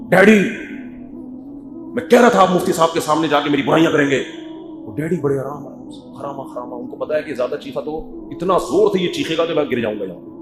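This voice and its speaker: A middle-aged man giving a religious lecture in Urdu, animated and emphatic, acting out family scenes as he talks. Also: a little high. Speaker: Islamic preacher. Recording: echoey hall with music.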